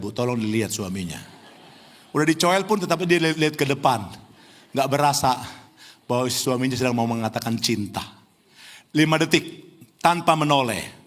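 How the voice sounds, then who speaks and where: A middle-aged man from Indonesia preaching a lively sermon in a church, teasing the congregation and rising to near-shouts. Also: medium pitch, moderate pace, long pauses. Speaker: pastor. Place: church hall.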